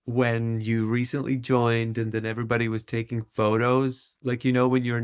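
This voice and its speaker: A man co-hosting a podcast in casual chat, with dry, teasing, unhurried remarks. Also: mid-range voice, flat delivery, clear, resonant tone. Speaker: podcast co-host.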